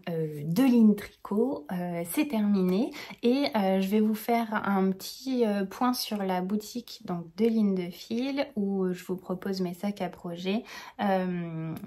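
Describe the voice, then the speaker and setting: A woman with a warm, mellow voice hosts a casual knitting chat. She rambles cheerfully, full of enthusiasm. Now and then she drops to a soft whisper. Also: mid-range voice. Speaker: knitting podcaster.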